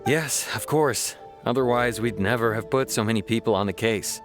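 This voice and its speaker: A man's voice: mid-range voice, over loud music, lightly acted. A man voicing a formal, firm city official in a video game. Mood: stern. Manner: formal, measured.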